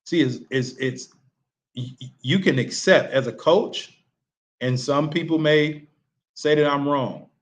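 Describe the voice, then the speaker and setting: Man, basketball coach, fairly high voice, emphatic rhetorical questions, colloquial motivational talk. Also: unhurried. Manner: casual, colloquial phrasing. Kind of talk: motivational talk to sports parents.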